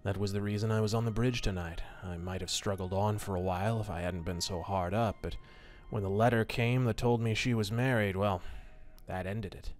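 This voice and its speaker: A man voicing a broke, despairing young man who confesses in a halting way. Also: lowish voice, steady tone, voice pushed down, close to an everyday voice.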